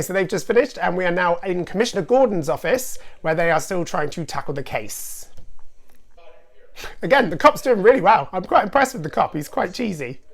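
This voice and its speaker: A woman hosting a comic film review, talking in a dry, sarcastic way with wry asides. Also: lowish voice. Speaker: host reviewing films.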